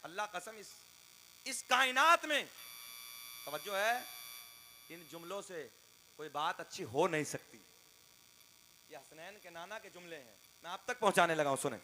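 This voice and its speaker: A male preacher telling a story in a drawn-out, sing-song sermon style that rises to shouts, with quick low asides to the crowd. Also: expressive.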